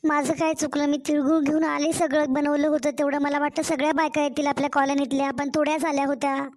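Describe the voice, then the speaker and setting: A woman's voice: sits high, level tone, fast talker, a little mellow, lightly acted. A woman voicing a mild, apologetic young newly married daughter-in-law in a cartoon story, with a Marathwada Marathi accent. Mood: meek.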